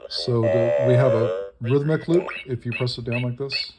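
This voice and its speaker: A man's voice: mid-range voice, expressive, moderate pace, loud music behind the voice. A man giving a casual hands-on walkthrough, explaining piecemeal in short, tentative phrases. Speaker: demonstrator of a modified electronic instrument. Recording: very noisy, with device buzz and clicks. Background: electronic toy noises and button clicks.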